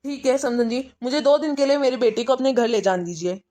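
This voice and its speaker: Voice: sits high, brisk, warm tone, a little hiss or hum, close to an everyday voice. A performer playing a doting, crafty father in a family skit, soothing his daughter and slyly coaxing her in-laws. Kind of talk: Hindi family skit acting.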